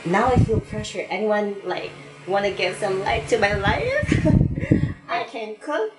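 A Filipino woman chats casually with lively, swooping pitch and an unhurried pace. She sounds roomy and echoey, with music loud behind her. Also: heavy background noise. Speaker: podcast co-host. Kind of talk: casual chat.

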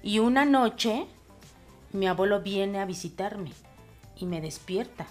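A woman at an ordinary middle pitch tells a ghost story from her own life, slowly and earnestly. Soft background music sits faintly under her voice. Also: expressive. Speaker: podcast co-host. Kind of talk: telling a personal ghost story.

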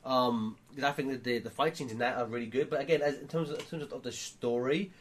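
A man's voice: mid-range voice, steady tone, fast. A man co-hosting a casual podcast chat, often stammering and restarting his sentences. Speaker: podcast co-host.

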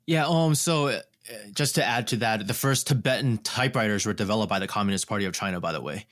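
A man with a Taiwanese accent, talking casually as a podcast co-host and explaining history in a halting, informal way with digressions. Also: fairly low pitch, a bit bright. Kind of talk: casual political history discussion.

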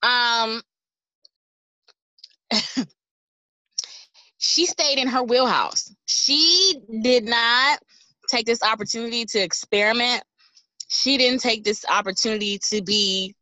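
Woman co-host, unhurried, bright ringing voice, emphatic. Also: a little high, no echo, poor audio. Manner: emphatic, repeats for effect. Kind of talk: casual podcast chat.

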